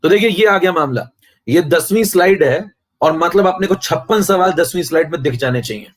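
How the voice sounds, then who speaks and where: A male chemistry teacher streaming a live online class. He speaks in a slightly high voice, keeps asking the students whether they follow, and brags about his methods. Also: animated, a little fast.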